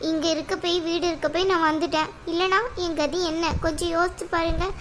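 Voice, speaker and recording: A woman doing a shrill, fiery young wife. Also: fairly even intonation, brisk, a little hiss or hum. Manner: complaining, sharp-tongued. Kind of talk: cartoon voice acting.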